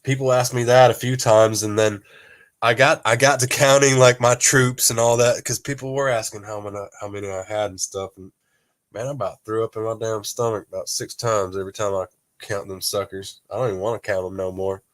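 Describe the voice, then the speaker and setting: A man hosts a casual toy-collecting livestream, chatting with viewers in a rambling, laid-back way with frequent laughs and some cursing. His voice is fairly low and brisk with little pitch movement, and he sounds a little congested from allergies.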